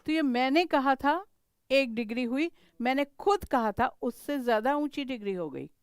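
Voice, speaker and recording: A woman's voice: high voice, expressive, moderate pace, smooth, no room sound. A middle-aged woman with an Indian English accent teaching a grammar lesson. She mixes Hindi and English and keeps checking whether her students understand.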